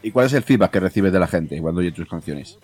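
Brief: male radio host, very low voice, brief pointed questions, faint music under. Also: expressive, quick pace, darkish tone, breathy edge. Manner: short, direct questions.

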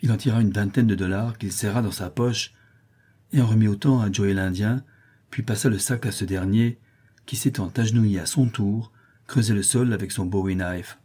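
Low, husky male audiobook narrator. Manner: steady, measured storytelling. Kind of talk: audiobook reading.

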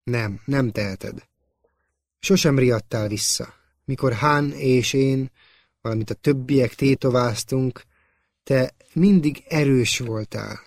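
A man voicing a young Jedi knight, speaking in an earnest, gentle way in an audiobook reading. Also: mid-range voice, steady tone, creaky, pauses often, no echo, studio quality.

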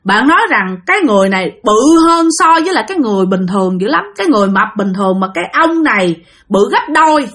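A woman's voice: medium pitch, big pitch swings, fast, fairly bright tone. A woman with a Southern Vietnamese accent, a channel host retelling listeners' stories in a chatty way that speaks straight to her audience. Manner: chatty, addresses listeners directly. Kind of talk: casual storytelling narration.

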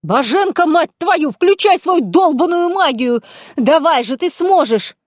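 A stubborn young woman, as the reader plays her pleads and shouts in hoarse despair. Her voice sits a little high. The sound is dry and close to the mic. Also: lively intonation, moderate pace, no echo, natural voice. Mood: desperate.

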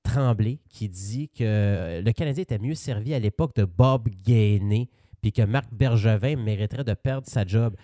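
A man with a Québécois French accent chats on a podcast, animated and swearing as he tells his stories. His voice sits dry and close to the mic. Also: fairly low pitch, normal speed, no echo. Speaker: podcast co-host. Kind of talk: casual chat.

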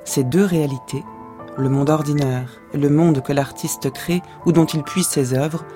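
A male radio host reading scripted narration at a measured, even pace. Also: on the high side, soft background music.

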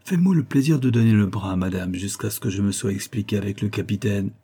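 A storybook's impetuous young navy lieutenant, high-pitched and keyed up, as a male narrator puts him on. He calls out with an excited, eager lift in a mellow, husky voice. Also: fast talker. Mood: cheerful. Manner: excited, calling out.

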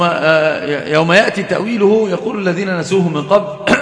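A high-voiced man teaches a classical religious text at a brisk pace. He is emphatic and keeps asking his listeners rhetorical questions. The sound is roomy, with a long hall reverb. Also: fairly bright tone. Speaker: Islamic scholar teaching a text. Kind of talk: religious lecture. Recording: echoey hall.

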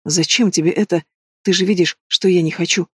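A man's voice: high voice, steady tone, fairly quick, breathy edge, dry recording, studio quality. A man voicing a frightened but defiant young pregnant woman in an audiobook. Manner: sharp and defiant.

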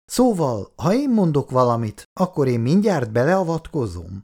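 A sharp-tongued, jealous mother who scolds her family indignantly, as a male narrator puts her on. The voice is pushed up high and loud, with wide, agitated swings. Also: very animated.

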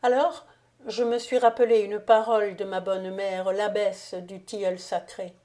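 A woman's voice: medium pitch, flat delivery, a little slow, mellow, close to an everyday voice. Woman reading a firm, dignified countess. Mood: reproachful. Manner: firm, assured. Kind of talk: audiobook character reading.

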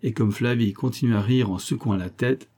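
An audiobook narrator reads a classic novel in a measured, even storytelling style, his voice medium-pitched.

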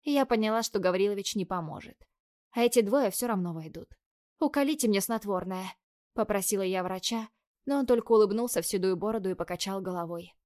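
A woman's voice: mid-range voice, quick pace, a little mellow, no echo. Young woman reading a novel in first person with a self-mocking edge, close dry studio mic. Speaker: audiobook narrator.

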